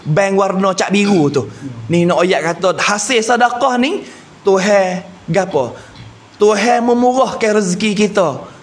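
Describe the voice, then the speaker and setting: A man with a Kelantan Malay accent giving a religious talk about charity in a measured preaching manner. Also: high voice. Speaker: religious lecturer.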